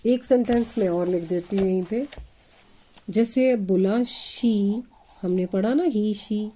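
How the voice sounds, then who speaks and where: A woman's voice: mid-range voice, normal speed, mellow. A woman teaching English phonics to children, spelling words letter by letter and sounding them out. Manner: addresses pupils as children, asking questions. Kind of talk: slow phonics lesson for children.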